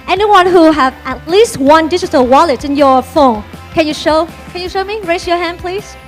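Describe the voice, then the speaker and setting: A woman's voice: extremely high pitch, moderate pace, soft background music. A woman with a Vietnamese accent hosting a conference, upbeat and engaging the audience with questions. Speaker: event MC. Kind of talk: bilingual event hosting. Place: conference hall.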